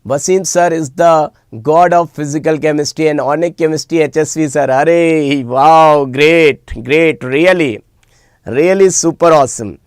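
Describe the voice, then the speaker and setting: A man's voice: on the high side, dry recording, studio quality. A man with an Indian accent chatting informally with students as an online teacher, emphatically repeating words and phrases. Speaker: online teacher hosting a live class. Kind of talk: informal live-stream chat with students.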